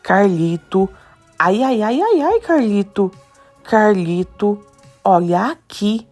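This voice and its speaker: A woman's voice: fairly low pitch, animated, slow, dark tone, soft background music, heavily acted. A woman voicing a scheming middle-aged father, wheedling and easily flustered.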